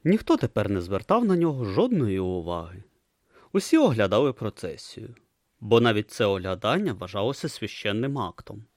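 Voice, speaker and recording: A man narrating a fantasy novel as an audiobook with an expressive, theatrical reading. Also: lowish voice, moderate pace, no room sound, clean studio sound.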